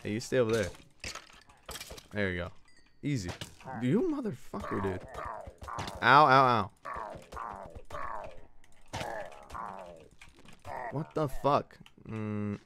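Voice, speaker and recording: A male Twitch streamer giving excitable live gameplay commentary, swearing and yelping as he banters with his chat. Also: mid-range voice, slow, pauses often, a little hiss or hum.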